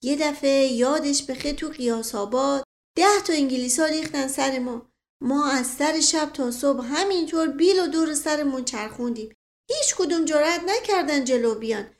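Lady reading as a bragging old servant guy, high voice, rambling tall tales. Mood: boastful. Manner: rambling tall-tale telling. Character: boastful old male family servant, folksy.

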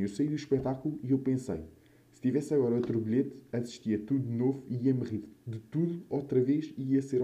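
Dark-voiced young Portuguese man, rambling casually. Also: mid-range voice. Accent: European Portuguese. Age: young adult. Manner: slangy and sweary, informal. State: mouth still a bit swollen after wisdom tooth removal. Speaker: podcast or vlog host. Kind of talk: casual solo chat, rambling anecdotes.

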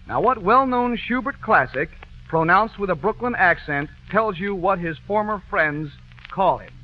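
High-voiced bantering 1940s radio host. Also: male voice, expressive, a little slow. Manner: jokey, bantering with the band. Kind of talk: 1940s radio quiz patter. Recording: dull lo-fi old radio broadcast.

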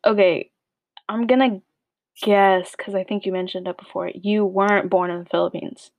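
A woman's voice: mid-range voice, steady tone, moderate pace, vocal fry, phone-quality sound, slight background noise. A young woman co-hosting a casual podcast, playful and teasing with slangy banter. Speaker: podcast co-host. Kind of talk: casual chat game with a friend.

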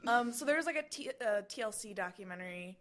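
A woman's voice: mid-range voice, animated, quick pace. A woman in her twenties co-hosting a podcast, chatting casually with many fillers and restarts. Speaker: podcast co-host. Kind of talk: casual chat.

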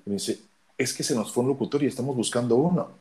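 This radio announcer, deep-voiced with a Mexican Spanish accent, races through his story in casual chat, acting out the dialogue. His tone is warm and his delivery fast.

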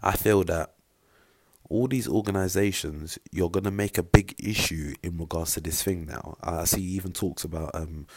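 A man's voice: sits low, fairly even intonation, normal speed, darkish tone. A man talking casually straight to camera, rambling with many fillers as he gives his opinion in a vlog. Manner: rambling, filler-heavy, conversational. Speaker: vlogger.

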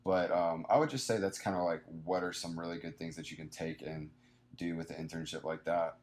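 Very deep-voiced young man giving earnest advice. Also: steady tone, a little fast. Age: 20s. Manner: earnest, rambling with many fillers and restarts. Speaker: guest, young small business owner. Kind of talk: casual advice-giving conversation.

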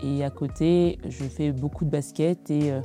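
Low-voiced woman lawyer in a discussion. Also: fairly even intonation, moderate pace, warm tone, soft background music. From France. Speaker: guest, lawyer. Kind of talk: group discussion.

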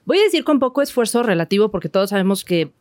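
A woman, a psychiatrist guest on a podcast, explaining things in a calm, measured way. Her pitch sits mid-range, and the sound is dry and close. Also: no room sound. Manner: measured, informative. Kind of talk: explanatory interview answers.

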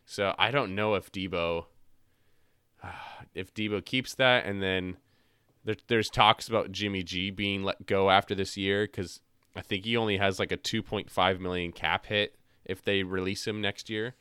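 Young man, podcast host, bright crisp voice, slightly hoarse, animated and restarting, dry sound. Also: low voice, moderate pace, dry recording. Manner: animated, trails off and restarts, gets loud when excited. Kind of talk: casual fantasy football chat.

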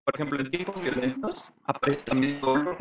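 A man's voice: medium pitch, quick pace, roomy sound, background noise. A Mexican man chatting casually as a co-host over a remote call whose connection keeps breaking up, talking with many fillers and restarts. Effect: voice breaking up over a dropping online call. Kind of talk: casual chat about films. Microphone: remote online call.

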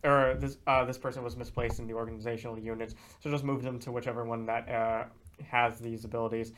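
A man's voice: medium pitch, little pitch movement, quick pace, a bit bright, slight background noise. A teenage boy hosting a casual podcast, joking, swearing freely and laughing between lines. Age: teens. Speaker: podcast host. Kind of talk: casual chat. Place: indoors, in person with a co-host.

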